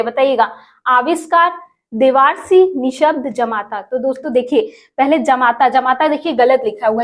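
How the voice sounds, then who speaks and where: A woman teaching an exam prep lesson, asking questions and repeating each answer for viewers. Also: high voice. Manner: addresses viewers as friends, asks and repeats answers.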